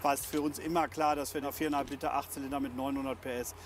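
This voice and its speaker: A man's voice: medium pitch, little pitch movement, fast talker, slight background noise. A man heading development at a tuning company, answering interview questions outdoors in a matter-of-fact technical way.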